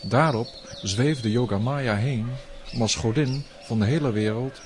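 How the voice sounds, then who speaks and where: A man narrating a storybook tale in a measured, deliberate reading. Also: mid-range voice, slight background noise.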